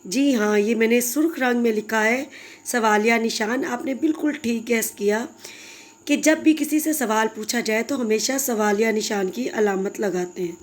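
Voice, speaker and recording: Female teacher, fairly high-pitched, warm and patient, explaining a lesson to children. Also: moderate pace. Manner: patient, explanatory, addresses pupils fondly. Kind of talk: recorded grammar lesson for children.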